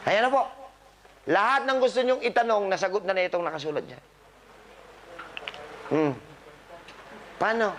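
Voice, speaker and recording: Man, high voice, doctor, live audience talk, teasing, scolding with humor, quizzing listeners. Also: moderate pace, long pauses, a bit bright, a little hiss or hum. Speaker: doctor speaking to patients. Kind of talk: live motivational health talk.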